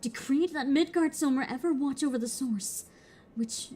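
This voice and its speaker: A woman's voice: high-pitched, a little slow, mellow. A woman voicing an earnest, formal young male scholar who speaks in archaic phrasing.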